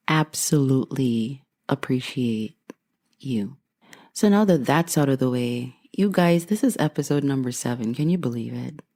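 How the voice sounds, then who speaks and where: A woman from Guyana hosts her own podcast, speaking directly to listeners in a casual solo monologue that's grateful and upbeat. Her voice is very deep and mellow.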